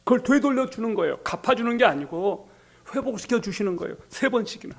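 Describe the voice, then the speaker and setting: A man preaching a sermon as pastor, telling the story and acting out quoted lines in a softer, lower voice. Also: lively intonation, fast, vocal fry.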